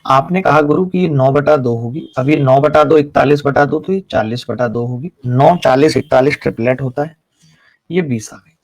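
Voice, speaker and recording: A man's voice: medium pitch, normal speed, creaky, a little mellow, no echo. A man teaching a live online math class, explaining each step and teasing his students with jokes.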